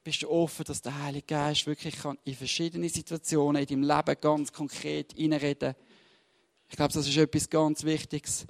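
A man's voice: fairly high pitch, flat delivery, moderate pace, vocal fry. A man preaching and teaching from the Bible, emphatic and repeating his key words while speaking straight to his listeners. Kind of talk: fervent sermon with Bible reading.

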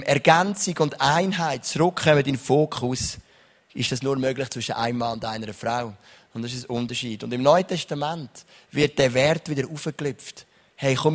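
A young man preaching a sermon as pastor, reading Bible verses and often turning to his listeners with a questioning "oder?". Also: mid-range voice. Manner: lively preaching, reads Bible verses, asks the crowd "oder?".

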